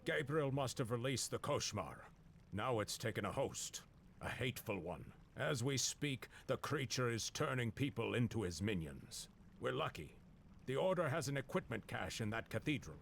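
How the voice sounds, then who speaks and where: An actor voicing a grave, middle-aged master monster hunter in a dramatic video game, speaking with measured, serious authority. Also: male voice, medium pitch, big pitch swings, creaky, fairly bright tone, slight background noise. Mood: urgent, grave. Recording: music under the voice.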